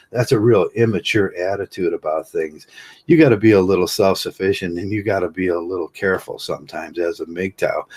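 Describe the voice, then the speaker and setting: A man's voice: deep voice, a little mellow. A man hosting a casual livestream monologue, rambling with many fillers and restarts and laughing at his own jokes. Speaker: livestream host.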